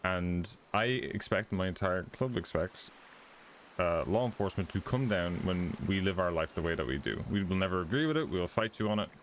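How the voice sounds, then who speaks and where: A man's voice: sits low, expressive, normal speed, slight background noise. A man talking in character as a motorcycle club member in a roleplay, blunt, firm and given to swearing.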